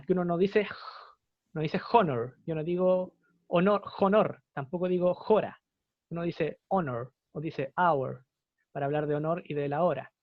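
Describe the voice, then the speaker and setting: A young man with a Chilean Spanish accent teaches English in an online class. His voice sits high and he explains patiently, repeating each example. The sound is dull and lo-fi, with a dry, close feel. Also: no echo.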